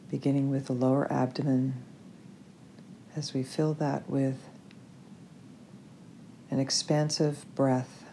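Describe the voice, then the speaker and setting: A woman leading a guided meditation in a slow, soft, soothing voice with long pauses. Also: deep voice, slight background noise.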